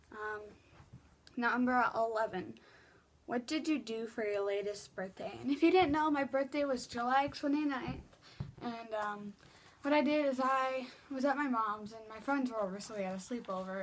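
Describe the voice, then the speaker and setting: Recorded indoors on a laptop webcam mic, a teenage girl answers viewers' questions from her small bedroom, restarting often and filling gaps with fillers. Her voice is on the high side, and a slight hiss or hum can be heard.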